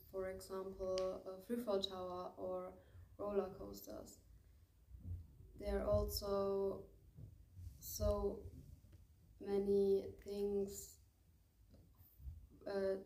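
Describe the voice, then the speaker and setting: A young teenage girl with a German accent presents a story carefully and haltingly. Her delivery is very flat and slow, recorded slightly off the mic in an echoey room with faint noise. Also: medium pitch, distant mic. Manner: careful, halting non-native English. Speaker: student storyteller.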